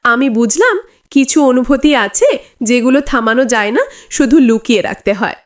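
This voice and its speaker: A woman's voice: a little high, lively intonation, moderate pace. A woman narrating a romantic story in the first person, with a dreamy, confiding manner.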